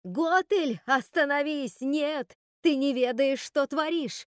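A woman's voice: sits high, slow, no echo, clean studio sound, voice pushed up. A woman reading aloud and voicing a wicked witch mother who rules the dead, menacing and scornful. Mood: alarmed.

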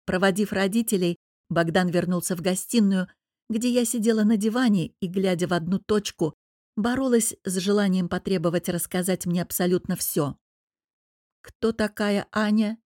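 Female audiobook narrator, mid-pitched, mellow tone, dry close-miked read, measured. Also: no echo. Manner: measured, even storytelling. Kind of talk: first-person audiobook narration.

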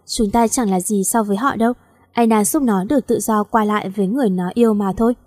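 A woman's voice: medium pitch, quick pace, darkish tone, no room sound, studio quality, natural voice. A woman voicing an irritated, dismissive young man in a read-aloud story.

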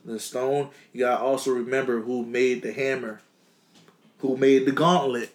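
Young male co-host, mid pitch, blunt playful banter. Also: fairly even intonation, moderate pace. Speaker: podcast co-host. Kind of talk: casual podcast chat.

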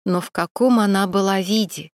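A woman reading a detective novel aloud in even, clear storytelling. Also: medium pitch, moderate pace, dry recording, studio quality. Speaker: audiobook narrator. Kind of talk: scripted narration of a detective novel.

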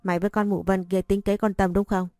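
A woman's voice: medium pitch, little pitch movement, fast, dark tone, no echo, studio quality, soft background music, natural voice. A woman voicing a fierce, blunt teenage girl who scolds harshly, in a storybook reading. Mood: scolding.

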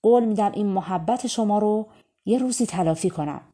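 A woman's voice: medium pitch, warm tone, close to an everyday voice. A woman voicing a pleading wild bird. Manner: pleading, earnest. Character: wild birds, pleading mother creatures.

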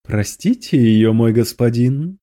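Man as a soft-spoken, slow servant, placating, audiobook. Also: mid-range voice, lively intonation. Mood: soothing. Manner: quiet, placating. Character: soothing male servant, calm and deferential.

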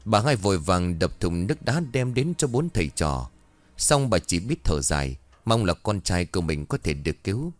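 A man narrating a ghost story in animated storytelling. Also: deep voice, moderate pace, no echo.

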